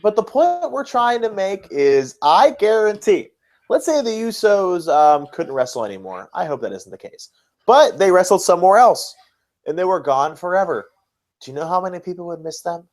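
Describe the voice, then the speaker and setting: A man co-hosts a casual wrestling talk podcast, speaking bluntly and critically and often repeating phrases to hammer his points home. His voice sits high with big pitch swings, a moderate pace and a slightly mellow quality.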